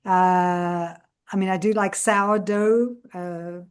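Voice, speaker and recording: A woman from South Africa chatting on a video call, hesitant, with many fillers and quick agreements. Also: lowish voice, fairly even intonation, clean tone. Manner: hesitant, fills with um and exactly, agreeable. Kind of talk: casual group video chat.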